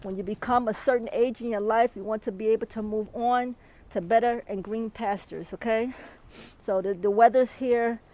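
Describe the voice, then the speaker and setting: A woman's voice: on the high side, fairly even intonation, moderate pace, warm tone, low-quality recording. A woman, out of breath, filming a weather vlog outdoors in a snowstorm and often adding "okay?" to her emphatic advice. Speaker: vlogger.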